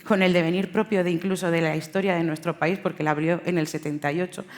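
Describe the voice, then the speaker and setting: A woman's voice: on the low side, steady tone, a little fast. A woman bookseller speaking on a panel, hesitant, with many fillers and restarts. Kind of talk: panel talk. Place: event hall.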